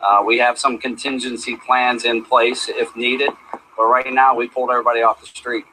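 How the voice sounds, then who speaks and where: A man's voice: medium pitch, little pitch movement, normal speed, pushed and bright. A middle-aged man, a police chief, answering questions in an on-scene interview in a noisy outdoor broadcast.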